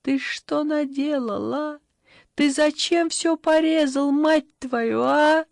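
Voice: takes it slowly, vocal fry, no room sound, studio quality. The narrator voicing Tatyana, a furious young mother who screams and scolds in an audiobook. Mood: shrieking. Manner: shrill, screaming. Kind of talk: audiobook character voice.

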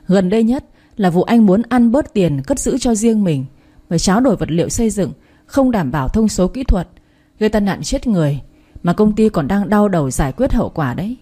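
A stern, angry older father-in-law from a storybook, voiced by a woman narrator. He scolds harshly in a mellow, warm voice that stays close to the reader's own. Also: medium pitch, natural voice.

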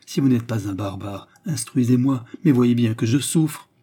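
A man reading an audiobook voices an imprisoned countess who pleads, rages and schemes in shrill outbursts. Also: normal speed, warm tone, slightly rough, natural voice. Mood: desperate.

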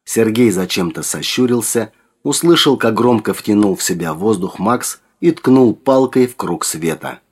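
A man narrating an audiobook in a steady, measured reading voice. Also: lowish voice, breathy edge. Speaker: audiobook reader. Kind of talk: scripted narration.

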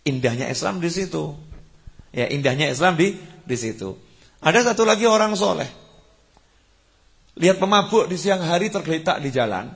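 A man preaching to a live audience, telling a story in an animated way with sudden high bursts and low asides. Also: gravelly. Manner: animated storytelling, pitch leaping up when emphatic, dropping low for asides. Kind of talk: religious lecture to a live audience.

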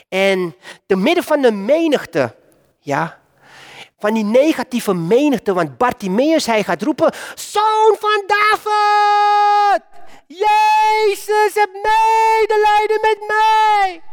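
A man delivering a sermon in a notably high, lively voice that swoops up and down with emphasis. He takes his time, speaking slowly and deliberately as he addresses the congregation directly. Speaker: preacher.

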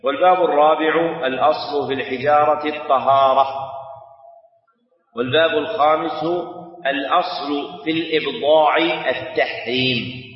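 Distant Arabic scholar dictating in a hall. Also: male voice, on the high side, fairly even intonation. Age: middle-aged. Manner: measured, repeats each phrase slowly for note-taking, chanted cadence. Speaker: Islamic scholar teaching a text. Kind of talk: classical Arabic lesson, dictating with repetition. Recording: roomy hall reverb, distant dull mic.

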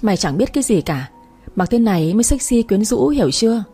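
A woman's voice: mid-range voice, sing-song, fairly quick, dark tone, breathy edge, soft background music. A woman doing a brash young woman friend. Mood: bossy teasing. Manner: crude, bossy and teasing.

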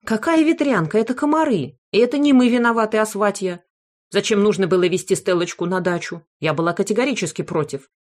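A woman voicing a fussy, loud old grandmother in an audiobook, who is indignant and blames everyone else. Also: medium pitch, animated, normal speed, close to an everyday voice. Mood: defiant. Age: older. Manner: indignant, bossy, blames others. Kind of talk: audiobook character voice.

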